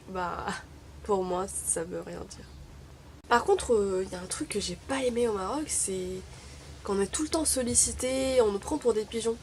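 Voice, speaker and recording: A young Moroccan woman, a native Arabic speaker, chats wryly to camera for her vlog, hesitating often. Her medium-pitched voice is a little mellow, with a faint hiss or hum underneath.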